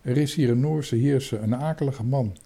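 A man's voice: medium pitch, moderate pace, gravelly, mellow, breathy edge. A man voicing a timid, frightened young boy who stammers urgently in a children's storybook reading. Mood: anxious.

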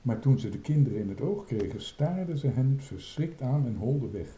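A man reads a children's story aloud with a very dark, mellow voice that swings widely in pitch. He tells it dramatically, and the room around him adds a clear echo. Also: normal speed. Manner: expressive, dramatic. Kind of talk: reading a children's book aloud.

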